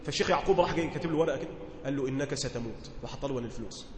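High-voiced Egyptian man teaching in an echoey hall. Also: rapid-fire, slight background noise. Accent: Egyptian Arabic. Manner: conversational, asks listeners questions to check understanding. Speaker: teacher explaining Quran commentary. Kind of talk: religious lesson, reading text then explaining in dialect.

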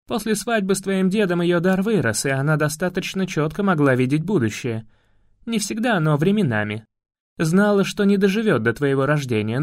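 A man's voice: fairly high pitch, dry recording, studio quality, close to an everyday voice. Guy reading as a stern heartsick elf, storybook style, voice swings up and down a lot. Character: lovelorn, stern male elf guardian.

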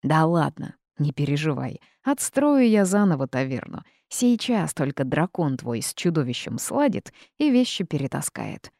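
A woman's voice: low-pitched, very animated, gravelly, warm tone, dry recording, clean studio sound, exaggerated voice. A woman voicing a grumpy, theatrical male phoenix who grumbles, wails and draws out his complaints in an audiobook. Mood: grumbling. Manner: grumbling, wailing, drawn-out complaints. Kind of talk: audiobook character voice.

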